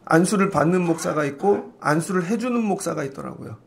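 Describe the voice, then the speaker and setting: A man's voice: on the high side, animated, quick pace, gravelly. A male pastor giving an early-morning sermon in a blunt, conversational way, throwing rhetorical questions at the congregation.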